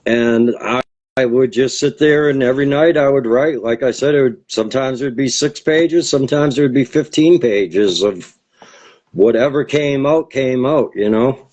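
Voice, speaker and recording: A man speaks as a guest in a relaxed interview, at a middle pitch typical for a man. He wanders through his stories, trailing off, restarting and filling gaps with fillers. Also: normal speed, highs cut off. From Boston area, USA. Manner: rambling, hesitant, many fillers and restarts. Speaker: featured poet guest. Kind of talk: casual interview conversation.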